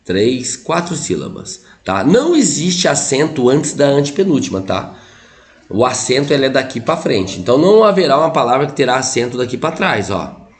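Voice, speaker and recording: A Brazilian Portuguese teacher, with a Brazilian Portuguese accent, runs an online grammar lesson at normal speed and medium pitch, his voice constantly jumping up and dropping down. Chatty and energetic, he keeps pointing at the board and checking that students are following.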